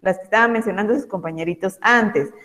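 A woman teaching a primary class of young children over a video call, patient and affectionate, reading words aloud slowly and with emphasis. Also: mid-range voice, a bit bright, big-room sound. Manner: affectionate toward pupils.

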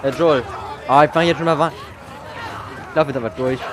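Sarcastic streamer, high-voiced man, game gunfire and noise underneath. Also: fairly even intonation, a little fast, a crowd in the background. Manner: sarcastic self-talk while playing. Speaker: let's play streamer. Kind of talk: gaming commentary. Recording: voice over game sounds.

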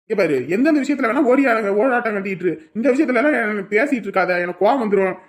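A woman playing a dutiful village man, firm, reassuring and quick to anger. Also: fairly high pitch, animated, lightly acted. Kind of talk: village drama acting.

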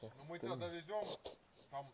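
A man's voice: a little high, expressive, moderate pace, a little hiss or hum. A man bantering casually and jokingly with heavy swearing, outdoors. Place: outdoors at a forest campsite.

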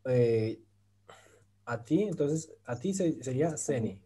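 A man's voice: mid-range voice, lively intonation, slow, warm tone, husky. A man teaching a Turkish grammar lesson in an online group class, explaining step by step and often checking with "right?". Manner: patient, explains step by step, often asks "¿cierto?".

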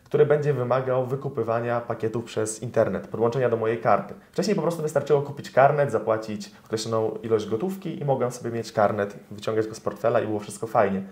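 Young lawyer, interview guest, explanatory delivery with fillers, addresses viewers. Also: male voice, medium pitch, quick pace, few pauses, darkish tone. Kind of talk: interview answers, explaining law.

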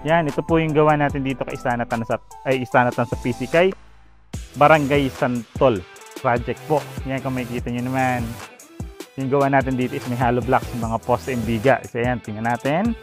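A real estate agent in his thirties from the Philippines walks viewers around an outdoor construction site on a sunny day, a lapel mic clipped on. Over music, his mid-range voice stays steady and runs a little fast. He hosts the channel with upbeat patter and lots of filler words.

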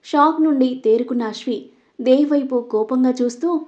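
A woman narrating a serialized romance drama in a steady, scripted storytelling voice. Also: sits high, normal speed. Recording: dull lo-fi recording.

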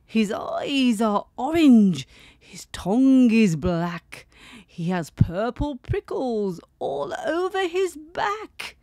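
A woman doing a high, boastful little mouse. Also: sing-song, slow pace, no echo, studio quality. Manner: bright, high and emphatic. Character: small clever boastful mouse.

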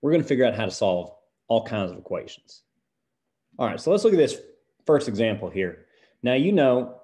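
In a lesson video, a math teacher puts on an American country accent to play a folksy, patient male teacher, working through equations and checking in with "right?" along the way. His voice is mid-range, mellow and natural.

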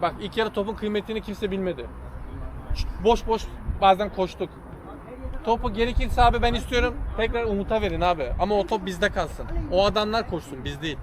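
A man coaching his amateur football team in an urgent, instructive team talk on an outdoor pitch. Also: rough recording.

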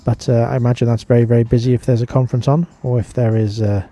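A man vlogging as a restaurant reviewer talks informally through a casual review, sharing his own opinions. His voice is mellow and relaxed at an ordinary middle pitch, and he speaks quickly.

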